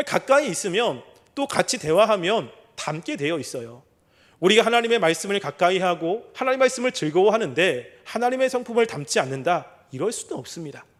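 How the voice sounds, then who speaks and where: A high-pitched pastor, a middle-aged man, delivers a sermon inside a church sanctuary, asking rhetorical questions and reading scripture in a slow, deliberate way.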